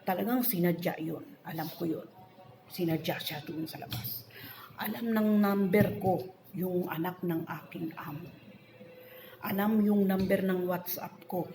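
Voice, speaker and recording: Middle-aged woman, low voice, venting a grievance to camera in an echoey room with faint hiss. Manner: aggrieved, ranting storytelling. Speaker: domestic helper. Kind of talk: venting vlog monologue.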